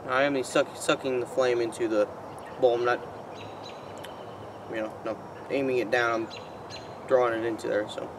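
A man's voice: medium pitch, moderate pace, long pauses, far from the mic. A man in a casual, rambling vlog, talking with a pipe in his mouth, outdoors near a road. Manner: relaxed, meandering, many fillers. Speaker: pipe smoking vlogger. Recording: outdoor traffic noise behind.

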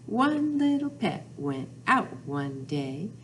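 An older woman, a children's librarian, hosts a storytime with rhymes, counting and songs in a small indoor room with a whiteboard. Her medium-pitched, slightly bright voice is very animated and slow, speaking simply, repetitively and in a sing-song way to young children. The audio is poor, with a little hiss or hum.

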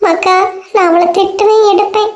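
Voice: very high-pitched, fairly even intonation, moderate pace, dull audio. Tearful cartoon grandma. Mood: grieving. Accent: Kanyakumari Tamil. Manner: lamenting, calls the listener "makka". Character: grieving grandmother, guilty and tearful.

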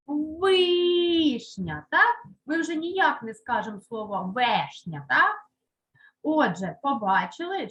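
A woman teaching a primary school language lesson, slowly stressing and repeating words for young children. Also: sits high, a bit bright, rough recording. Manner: slow, emphatic, repeats words aloud for children. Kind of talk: Ukrainian lesson for third graders.

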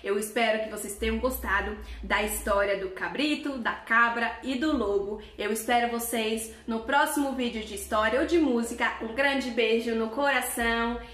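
A woman preschool teacher telling a story to young children in a lively, sing-song way. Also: fairly high pitch, normal speed, few pauses. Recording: echoey room.

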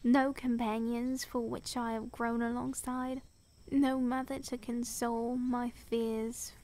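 A woman voicing a young princess who is gravely ill, speaking in a weak, sickly way. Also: on the high side, little pitch movement, slow, a little mellow. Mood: despairing. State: coughing, sickly. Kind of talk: audio drama acting.

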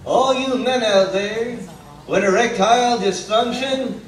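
A man's voice: very high-pitched, takes it slowly. A man voicing a cocky, boastful elderly male puppet in a stage ventriloquism comedy act. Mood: cocky, teasing. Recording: distant echoey stage, noisy live crowd.

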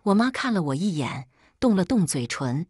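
Breathy lady reading a story, lowish voice, dry close mic. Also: big pitch swings, moderate pace, darkish tone, no echo. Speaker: story narrator.

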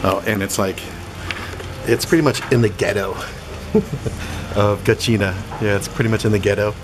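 A middle-aged man vlogging casually from a small pub, talking in a relaxed, rambling way full of ums and uhs, filmed on a handheld camera at arm's length. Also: fairly low pitch, normal speed, noisy background. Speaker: travel vlogger. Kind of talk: casual travel vlog. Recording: loud music behind.

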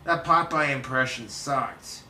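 A man's voice: mid-range voice, unhurried, pushed and bright, a little hiss or hum. A young man bantering playfully and teasing while trading impressions. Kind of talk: joking banter, doing impressions. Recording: roomy, distant amateur recording.

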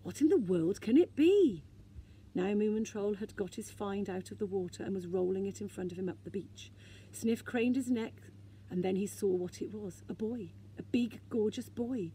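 Woman, storyteller, reading aloud, children's story, gentle, expressive, warm mellow tone. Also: mid-range voice, normal speed, a little hiss or hum.

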